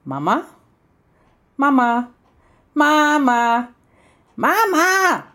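A woman voicing an excited young girl who shouts through the house for her mother. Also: sits high, normal speed, pitched above the performer's own voice. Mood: calling out. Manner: loud, calling out.

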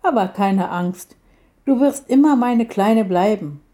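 A woman voicing a gentle, protective male dragon in a storybook, speaking softly and reassuringly. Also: mid-range voice, slow. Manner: soft, calm and reassuring.

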